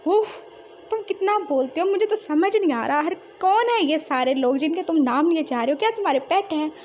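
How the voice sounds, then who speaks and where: A woman's voice: very high-pitched, animated, moderate pace, a little mellow, dull audio, a little hiss or hum. A woman voicing a stern, impatient male police officer who scolds and snaps in exasperation. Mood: exasperated. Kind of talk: fan fiction storytelling.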